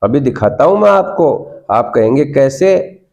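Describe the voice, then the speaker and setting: A man's voice: mid-range voice, expressive, unhurried, gravelly, darkish tone, dull audio. Coaxing Indian male English teacher. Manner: coaxing, repeats prompts for the class to echo. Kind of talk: classroom lesson.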